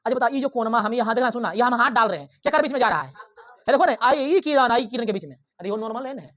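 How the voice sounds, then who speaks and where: A male classroom teacher, teaching physics to his students. He speaks loudly and drills the lesson hard. He keeps firing questions at the class and then answers them himself. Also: very high-pitched, lively intonation, quick pace.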